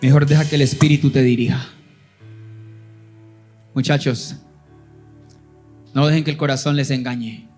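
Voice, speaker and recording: A man, a pastor preaching a sermon with emphatic rises and stretched phrases, settling into a softer storytelling voice. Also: medium pitch, steady tone, a little slow, long pauses, faint music behind.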